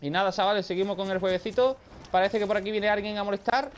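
A man with a Spain Spanish accent giving loud, excitable live gameplay commentary, often shouting and swearing. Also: sits high, fast talker, slight background noise. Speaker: gaming video creator.

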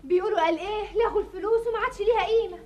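A woman's voice: extremely high pitch, very fast, a little mellow, slight background noise. An actress playing a chatty, gossiping woman of the common folk in a period TV drama. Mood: gossipy.

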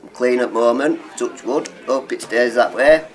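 A man's voice: medium pitch, moderate pace, soft background music. A man who is a former prisoner now in recovery, speaking upbeat and grateful in a studio vox pop interview. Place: indoor studio with dark backdrop.

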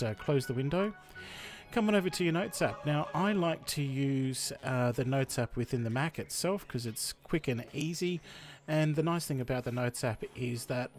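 Chatty Australian-raised man explaining software. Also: mid-range voice. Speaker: tutorial host. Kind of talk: screen-recording tutorial voice-over.

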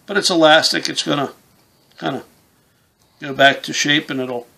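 A man's voice: fairly high pitch, fairly even intonation, normal speed, creaky, very noisy. A man in his fifties giving a casual, plain-spoken hands-on tutorial, explaining things step by step in an informal way. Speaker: instructor, game call maker. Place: small indoor room with camouflage backdrop.

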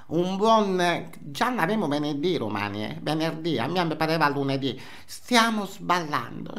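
A man's voice: sits high, pushed and bright, full character voice. An older man playing a nosy, indignant Sicilian housewife in a comic monologue, scolding and repeating himself in Sicilian dialect. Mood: resigned, chatty. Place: small indoor room, seated facing camera.

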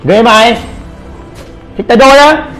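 A man's voice: very high voice, a little slow, a bit bright, faint music behind. A man giving brash live commentary on a game he is playing, swearing and trash-talking his teammates. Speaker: gaming streamer.

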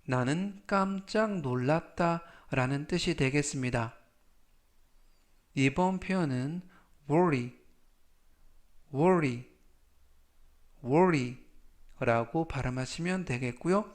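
A man teaching English vocabulary in Korean, reading each word and example sentence slowly three times with formal, polite phrasing and a Korean accent in English. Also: a little high. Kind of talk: slow, patient vocabulary lesson.

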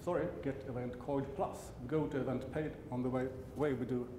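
His mid-range voice is steady in tone and brisk as he presents on stage at a technical conference in a large hall, where the sound is roomy with a hum behind it. The middle-aged Swedish speaker has a noticeable accent, corrects himself often, and slips in dry comments.

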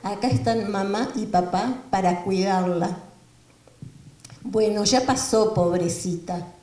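Woman doing a cooing soft mom, warm, distant roomy sound. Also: medium pitch, slow pace, natural voice. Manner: cooing, soothing. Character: tender mother soothing her baby girl.

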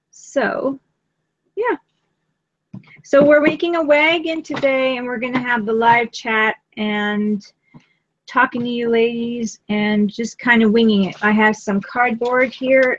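Chatty woman hosting a lo-fi craft stream. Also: a little high. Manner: chatty, easygoing, talks while working. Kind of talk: casual live craft-stream chat. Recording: lo-fi live-stream audio.

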